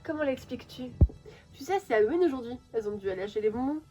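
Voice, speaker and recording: Woman doing a deadpan gothic teen girl. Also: fairly high pitch, very fast, muffled recording, over music, lightly acted. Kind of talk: amateur fan voice drama.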